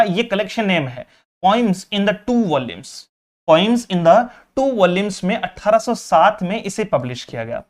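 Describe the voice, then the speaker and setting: A male teacher giving an exam-prep lecture, repeating key points and asking the class questions as he explains. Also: high voice. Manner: mixes English terms into his explanations.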